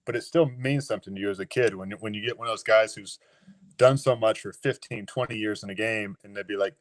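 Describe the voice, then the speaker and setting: A man in his thirties, a former baseball catcher, talks in a casual remote interview. He speaks reflectively and haltingly, with frequent restarts. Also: lowish voice, no room sound.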